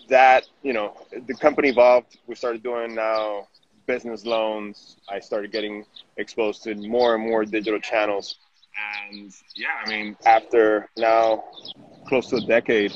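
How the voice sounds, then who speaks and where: Low-voiced man from Venezuela. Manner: restarts and repeats words often. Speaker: guest, digital marketing director. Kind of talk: casual interview talk. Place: outdoors on a city street. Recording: dull audio with faint noise.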